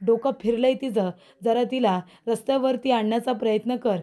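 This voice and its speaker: A stern aunt in a family serial gives orders and scolds, read out by a woman. The voice stays mellow and fairly high. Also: fairly even intonation, normal speed, lightly acted. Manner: reproachful, commanding. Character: stern older aunt of the household.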